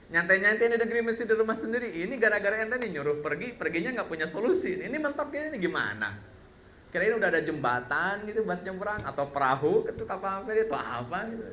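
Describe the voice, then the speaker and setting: A man's voice: sits high, sing-song, quick pace, sharp tone, slight background noise, pitched above the performer's own voice, full character voice. A man voicing a whiny crowd of Israelite men who grumble and blame their leader in slangy street talk. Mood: grumbling.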